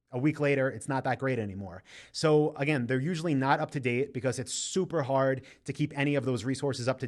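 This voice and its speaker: Casual man answering live questions. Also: mid-range voice. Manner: relaxed, conversational, reads out questions and answers directly. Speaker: host answering viewer questions.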